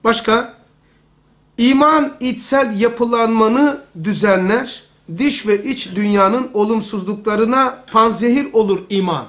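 Man, very high-pitched voice, religious study lecture, conversational, repeats phrases for emphasis, live circle of listeners. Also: a little slow, fairly bright tone.

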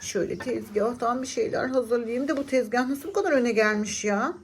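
A woman's voice: a little high, fairly quick, a little hiss or hum, close to an everyday voice. A woman voicing a chatty, suspicious mother in a children's doll-play story, mildly scolding. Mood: puzzled, grumbling.

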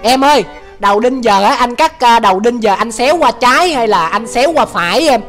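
A man's voice: very high voice, lively intonation, fairly quick, fairly bright tone. A young man hosts a casual livestream, reading viewer comments aloud and answering them with joking, exasperated wails. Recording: faint music in the background.

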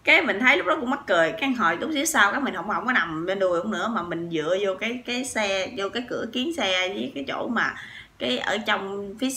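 Bright-voiced Southern Vietnamese woman vlogger. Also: medium pitch, fast talker. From Sóc Trăng, southern Vietnam. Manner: chatty, animated retelling with many fillers and asides to viewers. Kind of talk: casual storytelling to viewers.

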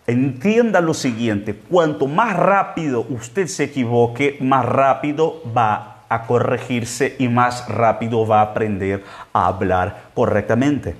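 A man teaching Spanish in a live phone stream, explaining slowly and drawing out words to show how they sound. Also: medium pitch. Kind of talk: live-streamed language lesson.

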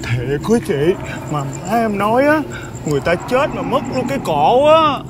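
A man's voice: high-pitched, big pitch swings, moderate pace. A man playing a timid younger brother, whiny and fearful. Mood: spooked. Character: timid younger brother telling ghost tales. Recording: noisy outdoor recording.

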